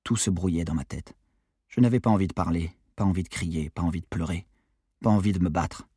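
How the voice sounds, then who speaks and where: A man narrating a first-person audiobook in an expressive, measured storytelling voice, recorded close in a booth. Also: low voice, husky, no room sound.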